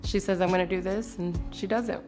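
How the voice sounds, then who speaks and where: A woman's voice: fairly low pitch, fairly even intonation, brisk, over music. A woman speaking heartfelt praise in a tribute video interview. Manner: heartfelt, admiring.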